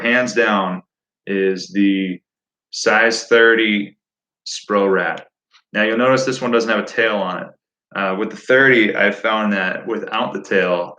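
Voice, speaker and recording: A man's voice: lowish voice, sharp tone, roomy sound, rough recording. A man hosting a fishing channel live stream, chatting casually in a rambling, easygoing way with lots of fillers. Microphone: no lapel mic.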